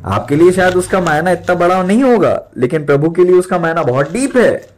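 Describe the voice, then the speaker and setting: A man's voice: high voice, expressive, fairly quick. Emphatic young male preacher. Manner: emphatic preaching, repeats lines for stress; mixes in English words. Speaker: pastor. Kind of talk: sermon.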